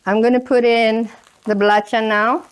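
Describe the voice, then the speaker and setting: A woman's voice: fairly high pitch, little pitch movement, moderate pace, clear, resonant tone. A woman hosting a cooking show, chatting through the steps as she cooks and often checking in with "right?". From Indonesia. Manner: chatty, keeps asking "right?". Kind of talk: cooking demonstration. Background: sizzling pan.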